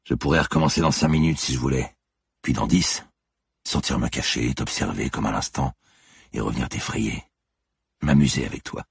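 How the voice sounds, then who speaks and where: A man reading aloud plays a predatory police lieutenant, talking in a quiet, taunting, half-whispered menace. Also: rumbling low, normal speed, vocal fry, husky, no echo, studio quality, heavily acted. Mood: menacing.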